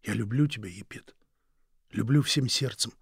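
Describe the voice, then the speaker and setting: A man voicing a gentle, weak young mother who speaks softly and tenderly, often almost in a whisper. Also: mid-range voice, moderate pace, gravelly, breathy edge, dry recording, studio quality. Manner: soft, tender, fading to whispers. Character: gentle, frail young mother near death.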